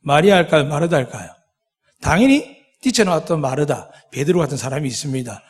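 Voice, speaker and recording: A pastor preaching a sermon, with dramatic voiced quotes and many rhetorical questions. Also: male voice, a little high, expressive, brisk, slightly rough, in a large hall. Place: church sanctuary.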